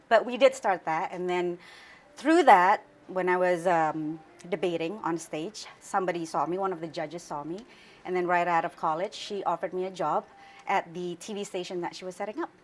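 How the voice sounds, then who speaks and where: A woman in her forties from Central Java, Indonesia, whose first language is Javanese, appears as a guest in a conversational interview; she is a news anchor. Her fairly low voice moves at normal speed, and she speaks thoughtfully, with fillers and restarts.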